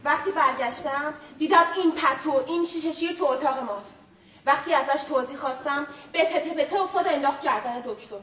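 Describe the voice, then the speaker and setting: A woman's voice: high-pitched, fairly bright tone, a little hiss or hum. An actress playing a suspicious young wife who insists her husband has secretly married, in a stage comedy. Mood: complaining. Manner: accusing, insistent. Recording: distant echoey stage recording.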